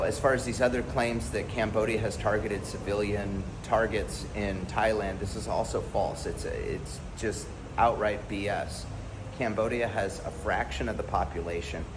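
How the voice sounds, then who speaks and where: A man from the United States giving an earnest, blunt and emphatic spoken commentary to camera. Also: on the low side. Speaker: vlogger. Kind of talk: impassioned direct-to-camera commentary. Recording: background noise clearly audible.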